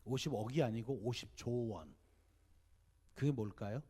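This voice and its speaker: Speaking at an unhurried pace in a husky, mid-range voice, a man in his fifties who is a pastor preaches at a church seminar. He animates his sermon with stories and puts questions to the audience.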